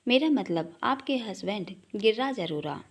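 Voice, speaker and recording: A woman's voice: mid-range voice, animated, moderate pace. A woman reading the lines of a polite, guarded middle-aged man in a storybook reading. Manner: polite, careful.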